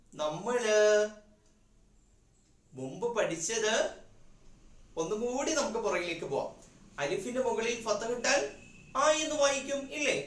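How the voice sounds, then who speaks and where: A male teacher leads a children's class, speaking very slowly and patiently. He asks questions and drills repeated sounds. His voice rings in an echoey room, recorded on a phone. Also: high-pitched, a bit bright. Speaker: madrasa teacher.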